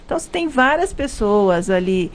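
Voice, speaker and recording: Her medium-pitched voice swings widely in pitch at a moderate pace. A Brazilian pharmacist with a Brazilian Portuguese accent, she's being interviewed live on radio, explaining health topics with many restarts and fillers.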